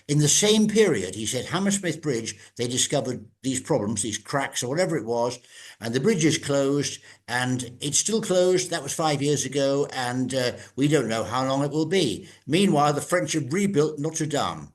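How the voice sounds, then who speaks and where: An older man hosts a relaxed podcast conversation. He wanders through long anecdotes, often stopping to restart his sentences. His voice sits at an ordinary middle pitch. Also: moderate pace. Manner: rambling, with many restarts and asides. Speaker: podcast host. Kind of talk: casual interview chat.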